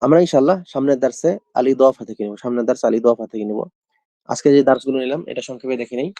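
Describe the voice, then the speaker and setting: A man's voice: mid-range voice, rapid-fire, warm tone, dry recording, dull audio. A man teaching an Arabic class. He repeats key phrases and asks the class questions. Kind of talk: classroom lesson.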